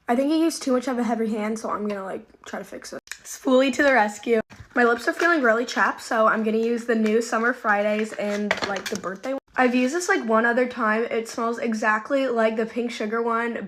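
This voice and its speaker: A woman's voice: a little high, fairly quick, a little hiss or hum. A woman casually talking through her makeup routine and reviewing products as she applies them. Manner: casual product commentary with fillers. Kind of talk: makeup tutorial chat.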